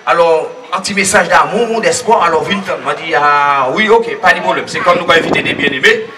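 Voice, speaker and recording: A man giving a rambling, lively faith testimony at a church gathering, laughing often as he tells his story. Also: a little high, brisk. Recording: distant mic with crowd noise.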